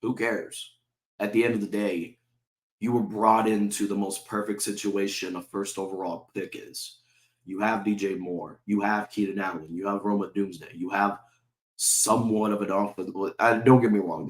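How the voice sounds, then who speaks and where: A man with a sore throat rants heatedly to camera on his own sports channel, speaking as a fan who swears often and keeps firing off rhetorical questions. His voice is lowish with fairly even intonation and a moderate pace, and the room sounds reverberant.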